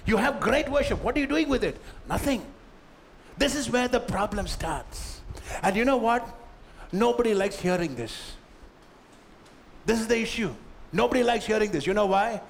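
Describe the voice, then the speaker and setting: A man preaching a sermon as pastor, forceful, firing rhetorical questions and having the congregation repeat lines after him. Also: high voice, gravelly, a little hiss or hum.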